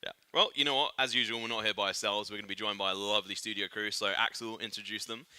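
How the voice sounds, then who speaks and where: Fast-talking low-voiced male podcast host. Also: steady tone, pushed and bright, smooth. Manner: chatty, upbeat, often restarts and fills with "uh". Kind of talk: casual esports podcast chat. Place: studio.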